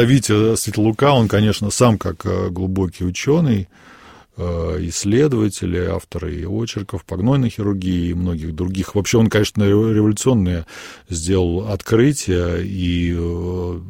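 Low gravelly priest, husky and unhurried. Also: male voice, dark tone, no room sound, clean studio sound. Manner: measured, thoughtful, many pauses and fillers. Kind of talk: radio discussion of church writings.

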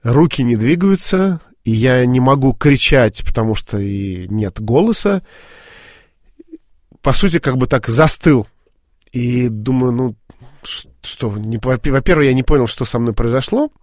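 Halting man telling a personal story. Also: mid-range voice, animated, darkish tone, dry recording, studio quality. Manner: halting, many fillers and restarts. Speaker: interview guest.

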